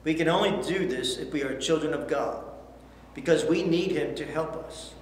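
The recording, made indoors on a church studio set with a backdrop, sounds echoey like a hall and carries faint hiss. In it a middle-aged man with a slightly high voice and normal speed earnestly teaches kids a Bible lesson, reading passages aloud and posing questions.

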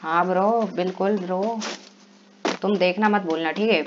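A man giving excitable live commentary while he plays, yelling and pleading in bursts. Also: high voice, normal speed. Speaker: gaming vlogger. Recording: lo-fi with steady background noise.

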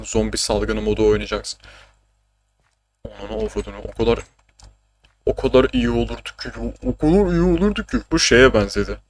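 Joking young male gaming streamer. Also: medium pitch. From Turkey. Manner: joking, swearing, chatty, bursts of laughter. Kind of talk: casual gaming commentary.

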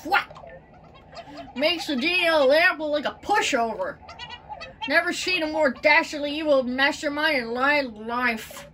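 Woman reading a fretful old townsman, unhurried. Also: high-pitched, sharp tone. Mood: fretful pleading. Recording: far from the mic, game music.

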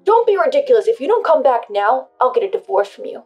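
A woman voicing an entitled husband who shouts demands over the phone. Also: sits high, very animated, fast, husky, highs cut off, faint music behind, pitched above the performer's own voice, full character voice. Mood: furious. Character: angry, entitled adult husband.

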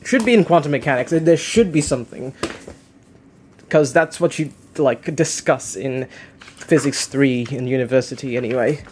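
A man's voice: medium pitch, normal speed, a little mellow, slight background noise. A young man giving casual, unscripted unboxing commentary, rambling and hesitant as he keeps correcting himself. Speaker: unboxing video host. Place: living room, indoors.

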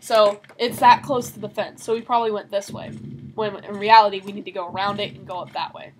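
A young woman talks casually and laughs as she tells a friend where to go in a scary game. Her voice sits mid-pitched, and the laptop mic adds clear noise and clicks. She sounds bossy. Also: level tone, a little fast. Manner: bossy, laughing, giving directions. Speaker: gamer giving directions. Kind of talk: casual chat while playing a horror game. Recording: noisy home recording.

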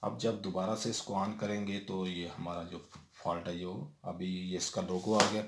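A man with a lowish voice walks through a television repair, pausing on fillers and checking in with the viewer as he works. The room sounds echoey and a faint hum sits under him. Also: steady tone. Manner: explains step by step, many fillers and repeated "theek hai". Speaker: TV repair technician. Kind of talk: hands-on repair tutorial. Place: indoor room at a workbench. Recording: roomy echo with faint noise.

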